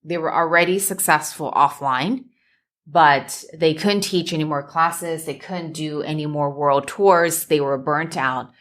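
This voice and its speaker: A woman from the United States hosting a solo business podcast, speaking in a measured way and building her points in emphatic lists. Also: sits low, a bit bright. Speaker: podcast host and business coach. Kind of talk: solo motivational podcast talk.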